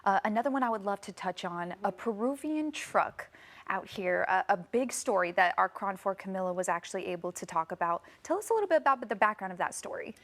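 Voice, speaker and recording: A woman's voice: medium pitch, lively intonation, brisk. Upbeat young woman hosting a TV studio chat, lapel mic. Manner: bubbly, upbeat and gushing. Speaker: TV show host. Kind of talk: studio talk show interview. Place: TV studio set.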